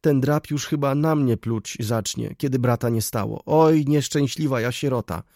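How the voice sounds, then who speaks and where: A man's voice: medium pitch, normal speed, creaky, warm tone, no room sound, studio quality, voice pushed up, lightly acted. A man doing a weepy, self-pitying old aunt. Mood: lamenting. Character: fretful aunt, weepy old spinster woman.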